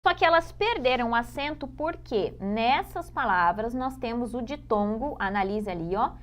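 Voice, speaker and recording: A Brazilian woman teaching a Portuguese grammar lesson for exam prep, explaining patiently, repeating key points and drawing out example words slowly. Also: a little high, expressive. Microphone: phone.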